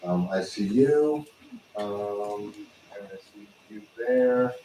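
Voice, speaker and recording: A man with a low, mellow voice moderates an audience Q&A, hesitating often. He is heard from a distance in a large, echoey hall. A faint hum runs underneath. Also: slow. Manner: hesitant, many fillers.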